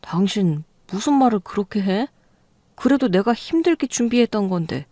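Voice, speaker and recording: An earnest, clueless husband defends himself and pleads, voiced by a woman storyteller. The read is close and dry, slightly lowered. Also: expressive, normal speed, warm tone, no echo, lightly acted. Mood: defensive. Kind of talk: storytelling radio reading.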